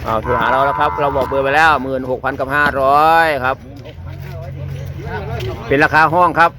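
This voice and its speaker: A man's voice: medium pitch, fairly even intonation, fairly quick. A man with an Isan Thai accent giving chatty on-the-spot commentary at an outdoor livestock market, repeating prices and numbers aloud. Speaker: vlogger touring a cattle market. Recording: outdoor market noise, vehicles nearby.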